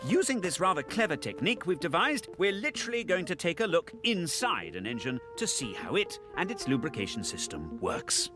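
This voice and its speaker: An actor playing a prim, easily exasperated professor presenting a comic ad. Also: male voice, fairly high pitch, sing-song, fairly quick, few pauses, over music. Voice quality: plummy, exasperated, formal. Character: prim fussy middle-aged male professor presenter. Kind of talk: comic ad narration.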